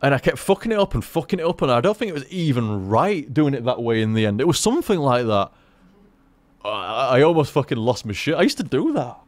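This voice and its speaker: A man rambling through casual gameplay commentary, swearing freely and talking in an animated way. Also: mid-range voice, fairly quick, no room sound. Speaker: gaming commentator.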